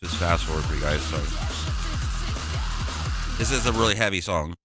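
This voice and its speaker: A man's voice: low voice, normal speed. A man who produces music, talking casually through a tutorial, rambling and restarting his sentences.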